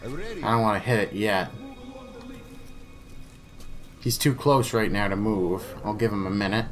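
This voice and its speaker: A man's voice: fairly low pitch, a little slow, over music. A man giving casual let's play commentary, chatty and playful, talking to himself and to the enemies on screen. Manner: playful, jokey asides.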